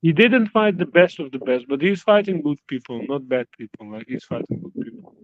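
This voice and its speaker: A man's voice: fairly high pitch, very animated, fairly quick, dry recording. Friendly Dutch-raised man on a dull, dry call. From Netherlands. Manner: friendly, patient, rattles off boxing stats. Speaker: guest caller. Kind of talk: casual call-in chat.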